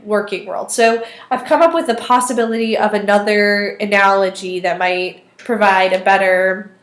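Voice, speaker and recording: A woman's voice: mid-range voice, fairly even intonation, moderate pace. Thin, weak-voiced young woman, hesitant. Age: 20s. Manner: hesitant, tentative, thinking aloud. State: weak voice today. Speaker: student vlogger. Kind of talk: casual spoken video response to a classmate. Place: small indoor office or study. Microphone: webcam or laptop microphone at arm's length. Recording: roomy, echoey webcam sound.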